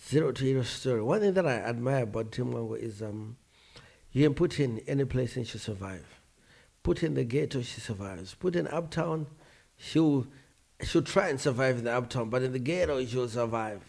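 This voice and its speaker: Gravelly man giving frank opinions. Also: medium pitch, darkish tone. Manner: frank and opinionated, with frequent exclamations. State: tired, yawning. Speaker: online commentator reviewing YouTubers. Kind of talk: casual opinionated commentary.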